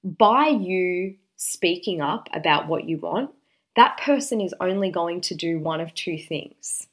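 Female dating advice host, slightly low voice. Confident, direct, emphatic counselling delivery. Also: expressive, unhurried, fairly bright tone. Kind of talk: relationship advice talk.

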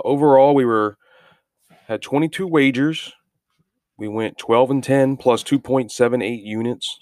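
A man hosting an informal solo sports betting recap, speaking haltingly with many filler words and often repeating words as he restarts phrases. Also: medium pitch, a little mellow, smooth, dry recording, clean studio sound. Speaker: sports betting podcast host.

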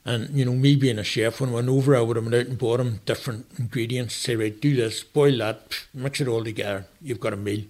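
A man's voice: mid-range voice, fairly even intonation, fast talker, few pauses, a little mellow. A man in his sixties with a Northern Irish accent, a retired chef chatting as a guest and telling rambling, anecdotal stories. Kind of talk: casual interview chat.

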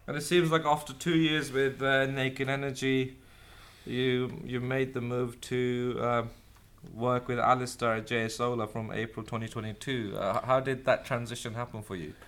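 A man's voice: medium pitch, flat delivery, normal speed, fairly bright tone. A man hosting an interview, asking conversational, meandering questions in an office. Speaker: interview host. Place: office in London.

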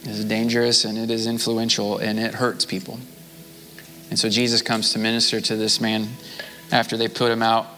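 A pastor preaching a sermon, earnest, reading scripture with rising intensity. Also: male voice, lowish voice, completely flat delivery, moderate pace, bright, forceful tone, big-room sound, faint music behind.

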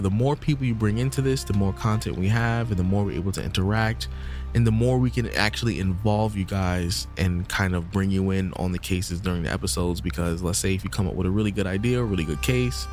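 Talking quickly in a fairly low voice, this male podcast co-host keeps things easygoing and rambling, full of "um" and "you know." Soft music plays underneath as he wraps up with an upbeat plug calling on listeners.

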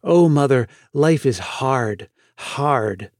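A man reading as an ashamed grown son, a thief, who speaks in a halting, anguished way. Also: fairly high pitch, warm tone, no echo, studio quality, lightly acted. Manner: halting, anguished, thick-voiced.

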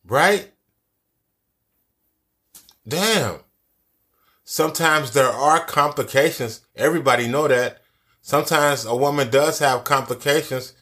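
A man's voice: fairly high pitch, slow, long pauses, a bit bright. Profane, emphatic man ranting. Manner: profane, emphatic, repeats his key phrases. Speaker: commentary vlogger. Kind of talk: angry social commentary.

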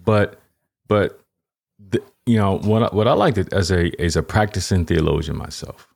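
A man's voice: low voice, moderate pace, gravelly, darkish tone. A man hosting a podcast, a chaplain, asking rambling questions and repeating words. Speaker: podcast host and Navy chaplain. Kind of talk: casual interview talk.

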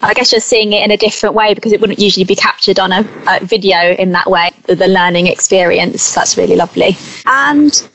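A woman's voice: medium pitch, a bit bright, rough recording. A woman hosting an interview, asking her guest thoughtful questions in a friendly way with some hesitations. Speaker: podcast host interviewing a guest.

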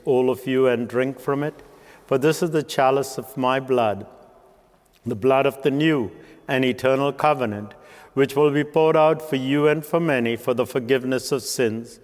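Solemn priest praying in echoing church reverb. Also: male voice, medium pitch, a little mellow. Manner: solemn, measured phrasing. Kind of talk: liturgical prayer recitation. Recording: long cathedral-like reverb.

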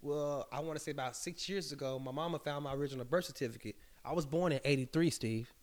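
A man's voice: on the high side, quick pace. A man in his thirties from Texas, a track coach, telling stories animatedly in a podcast interview. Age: 30s. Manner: animated, storytelling, leans on "you know what I mean". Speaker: track coach and former athlete.

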